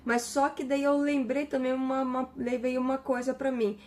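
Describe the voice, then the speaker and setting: A woman's voice: high voice, little pitch movement, normal speed, a little mellow. A Brazilian woman giving a casual spiritual monologue, chatty, with many restarts, retelling conversations. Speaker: spiritual talk host.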